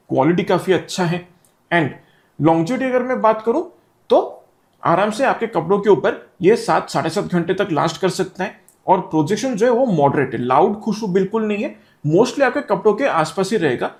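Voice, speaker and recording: High-voiced man reviewing perfumes. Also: animated, moderate pace, a little mellow. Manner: explanatory, mixing Hindi and English. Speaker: fragrance reviewer. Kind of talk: product review talk to camera.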